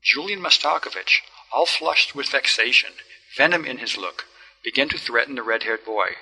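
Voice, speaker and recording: A man narrating a classic story in the first person, in a measured, wry telling. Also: mid-range voice, bright, forceful tone, breathy edge, low-quality recording. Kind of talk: storybook reading.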